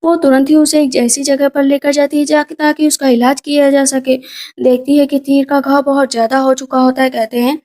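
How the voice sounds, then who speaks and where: A woman's voice: high voice, flat delivery, normal speed, darkish tone. A woman retelling a drama's plot in a casual storytelling way, repeating phrases for emphasis. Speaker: drama recap narrator.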